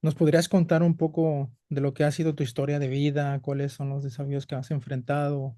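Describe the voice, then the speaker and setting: A man hosts an interview in a somewhat high, mellow voice. He pauses often on "este" as he greets viewers and asks questions. The sound is dry and close. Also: flat delivery, no echo. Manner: hesitant, frequent "este" fillers. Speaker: interview host. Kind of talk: friendly interview hosting.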